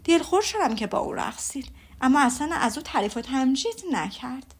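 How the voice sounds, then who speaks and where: A woman doing a gushing, excitable mother. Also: high-pitched, slightly rough, full character voice. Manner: gushing and breathless. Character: excitable gossiping middle-aged mother.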